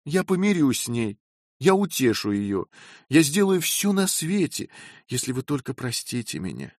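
A man's voice: mid-range voice, very animated, normal speed, no echo, clean studio sound, pitched above the performer's own voice. A man voicing a fiery, imperious young wife. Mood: coaxing. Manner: sharp, imperious scolding.

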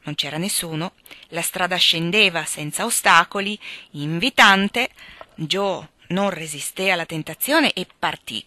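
Female audiobook narrator; measured and expressive, bright tone, dry recording. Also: low voice, no echo. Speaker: audiobook reader.

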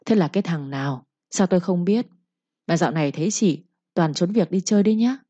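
A woman voicing a sharp-tongued village mother who nags and lectures her daughter in a told story. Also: on the low side, brisk, no room sound, natural voice. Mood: nagging. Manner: nagging, lecturing with proverbs. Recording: dull lo-fi recording.

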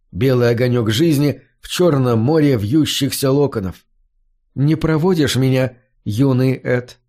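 A man reading a first-person fantasy audiobook in an even, measured way. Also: fairly high pitch. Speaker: audiobook narrator. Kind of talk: scripted storybook narration.

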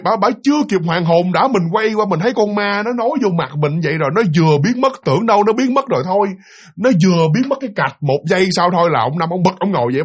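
A man narrating a ghost story in an animated, dramatic way, speaking directly to his listeners. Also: high voice, husky.

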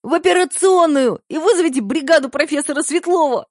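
A reader doing a shrill squealing doctor. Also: fairly quick, darkish tone, dry recording, studio quality, lightly acted. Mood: shrill panic. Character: shrill, panicky corrupt male head doctor.

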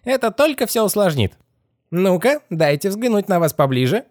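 A man voicing a shrill, mocking, playful and sinister male creature in an audiobook, with a squealing voice and a teasing, mockingly polite manner. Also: sing-song, normal speed, a little mellow, dry recording, studio quality. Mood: sly menace. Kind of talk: audiobook character voice.

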